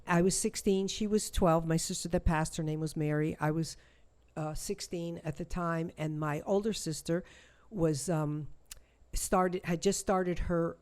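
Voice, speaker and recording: Halting, low-voiced woman telling a story. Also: fairly even intonation, darkish tone. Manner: halting, emotional, many restarts and repetitions. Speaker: shamanic healer guest. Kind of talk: personal storytelling in an interview.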